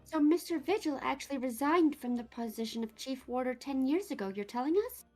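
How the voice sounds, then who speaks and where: A woman's voice: high voice, fairly quick, darkish tone, soft background music, lightly acted. A woman voicing a polite, thoughtful young female assistant who speaks formally.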